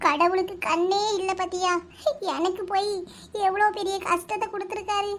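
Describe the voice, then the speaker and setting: An angry, betrayed village wife from a cartoon, played by a woman, in a very high, shrill voice with a Kanyakumari accent. She complains bitterly and indignantly. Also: steady tone, moderate pace, a bit bright, slight background noise. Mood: aggrieved. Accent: Kanyakumari Tamil. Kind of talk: cartoon voice acting.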